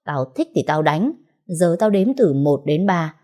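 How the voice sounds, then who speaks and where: A woman's voice: deep voice, lively intonation, unhurried, mellow. A woman voicing a menacing male thug who growls blunt threats in speech, as an audiobook character.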